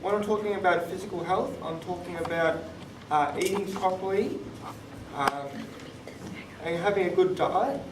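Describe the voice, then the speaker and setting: Speaking at a moderate pace, a high-pitched young man in his 20s, originally from Thailand and since moved to Australia, shares personal thoughts on a live panel podcast. Recorded at a conference-room event with a distant mic, the audio is roomy and noisy.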